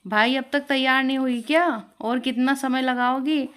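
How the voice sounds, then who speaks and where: A woman's voice: sits high, fairly even intonation, moderate pace, a bit bright, pitched above the performer's own voice. A woman voicing an impatient middle-aged husband who calls out and hurries his wife. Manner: hurrying, calling out.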